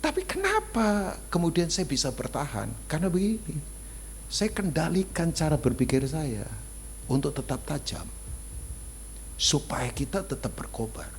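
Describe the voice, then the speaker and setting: A man preaching a sermon as a pastor, animated and acting out quoted voices as he tells a story. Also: a little high, moderate pace, slight background noise. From Indonesia.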